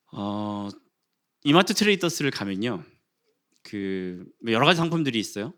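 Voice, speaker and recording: Animated Korean pastor telling a story. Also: male voice, medium pitch. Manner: animated storytelling, acting out quarrels and rising to loud exclamations. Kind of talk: sermon with a humorous personal story. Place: church sanctuary.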